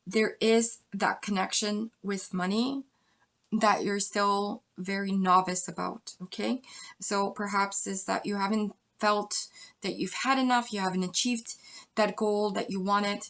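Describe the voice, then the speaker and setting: A woman with a medium-pitched voice speaks steadily and at a measured pace as she gives a pick-a-card tarot reading. Addressing the viewer directly with warmth and a coaching tone, she says "um" often, and her voice is going.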